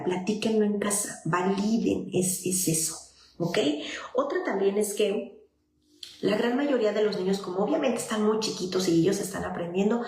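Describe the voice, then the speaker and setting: A woman speaks as a child psychologist, explaining things patiently to parents in an informal live talk. She slips into short, gentle dialogues of a parent speaking with a child. Her voice carries a noticeable echo from the room. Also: lowish voice.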